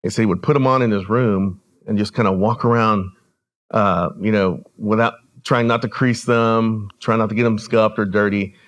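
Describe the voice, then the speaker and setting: A man born in El Salvador, a podcast guest telling his family's story in an earnest, measured way. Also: fairly low pitch, fairly even intonation. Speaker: guest, regional director. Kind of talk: storytelling interview.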